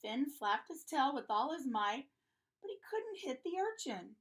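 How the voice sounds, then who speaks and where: A woman reading a children's picture book aloud in a lively, expressive way. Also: high-pitched, a little slow. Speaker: storybook reader. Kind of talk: children's story read-aloud.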